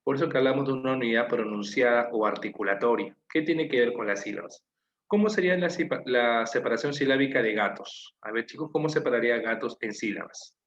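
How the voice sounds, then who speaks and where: A man's voice: mid-range voice, fairly quick, echoey room, lo-fi sound. A man with a Peruvian Spanish accent teaching an online class, patiently explaining and asking his students questions. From Peru.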